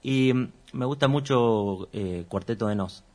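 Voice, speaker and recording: A man's voice: mid-range voice, measured pace, mellow. A man, a musician guest chatting casually and rambling a little on a radio show. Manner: rambling, chatty, self-deprecating. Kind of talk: casual radio interview chat.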